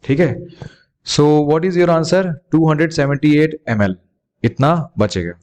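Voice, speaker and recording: A man's voice: on the high side, lively intonation, unhurried, darkish tone. A man with an Indian English accent teaching a children's math lesson, calling his students "beta" and asking questions he then answers himself.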